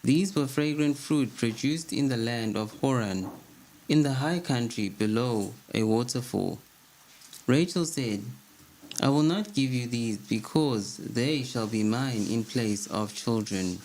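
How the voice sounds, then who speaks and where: A man reading an old religious text aloud at a steady, measured pace as a co-host. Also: mid-range voice, rough recording.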